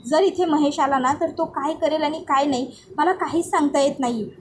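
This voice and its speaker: A woman voicing a firm but caring sister-in-law who scolds and then calms a young woman. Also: sits high, normal speed, background noise, lightly acted. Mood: soothing.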